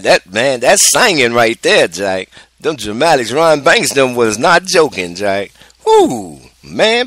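Lively radio DJ. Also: male voice, medium pitch, dry recording. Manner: animated, slangy, repeats himself. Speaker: radio DJ host. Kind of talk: casual radio show chat.

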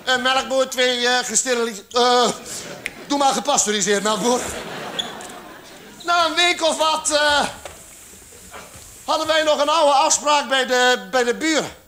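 High-voiced male cabaret comedian on stage. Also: unhurried, long pauses. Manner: acts out characters with exaggerated shouts. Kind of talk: stand-up cabaret monologue. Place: theatre stage with live audience. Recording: live theatre recording, audience laughter, background noise.

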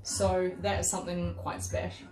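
A woman's voice: fairly low pitch, little pitch movement, normal speed. A woman with a British accent hosting a casual gin tasting, enthusiastic and chatty. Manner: enthusiastic, chatty, laughs often. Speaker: host. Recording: roomy sound with music playing behind.

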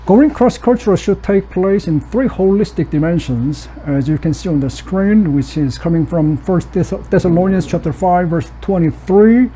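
Middle-aged man, high-pitched, mellow, measured conference lecturer, faint room hiss. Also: animated, poor audio. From South Korea. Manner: measured, reads prepared text with occasional restarts. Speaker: missiologist lecturer. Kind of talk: academic conference presentation.

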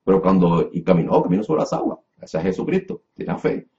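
A man's voice: sits low, very animated, fast talker, dark tone. A man preaching a Bible lesson in a sermon style, repeating phrases and restarting often, calling listeners brother. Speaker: preacher teaching a class. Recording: dull lo-fi recording.

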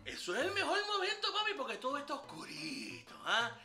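A man's voice: very high-pitched, huge pitch swings, brisk, sharp tone, faint music behind, exaggerated voice. A man playing a brash, flirty ladies'-man character who hands out dating tricks in swaggering, slangy banter in a comedy sketch. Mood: boastful. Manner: swaggering slangy banter, calls listener papá. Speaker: comic character giving dating tips. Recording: roomy echo.

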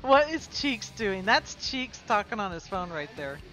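A woman's voice: medium pitch, very animated, a little slow, pushed and bright, faint music behind. A woman playing a heavyset, self-mocking woman in a role-play game, giggly and breathless as she jokes. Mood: amused.

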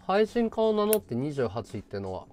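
A man's voice: a little high, sing-song, a little fast, darkish tone, soft background music. A man livestreaming in casual chat, answering viewer comments with sarcastic, combative ranting.

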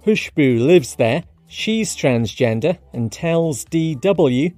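Cheeky upbeat guy reading news headlines, mellow voice, dry close mic, light music behind. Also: a little high, expressive, slow, no echo. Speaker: news podcast host. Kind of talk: scripted news read. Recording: dry studio read over light music.

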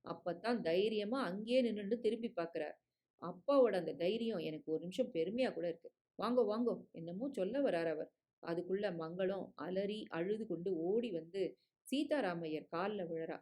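Lady reading a story aloud, measured and expressive, audiobook podcast. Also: medium pitch.

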